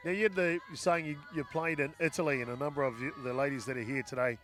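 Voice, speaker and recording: A man giving live play-by-play commentary at a softball game, chatting with his co-commentator between plays and getting loud on big hits. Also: a little high, steady tone, quick pace. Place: outdoor ballpark.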